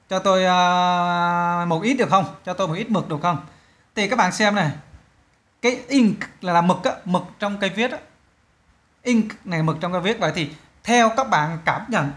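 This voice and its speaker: Guy teaching english, highish voice, chatty and repeats words. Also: a bit bright. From Vietnam. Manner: chatty, repeats each English word twice. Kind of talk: explaining a test to students.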